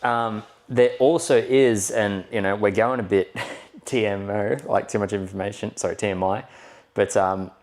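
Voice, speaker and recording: A man's voice: on the low side, fairly even intonation, normal speed, a little mellow. A man co-hosting a podcast, explaining things in a chatty, rambling way with plenty of fillers. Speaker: podcast co-host. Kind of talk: casual podcast chat.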